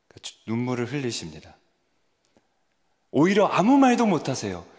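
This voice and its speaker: A man preaching a sermon as a junior pastor, questioning his listeners and building to emphatic peaks. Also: on the high side. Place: church sanctuary. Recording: long church reverb.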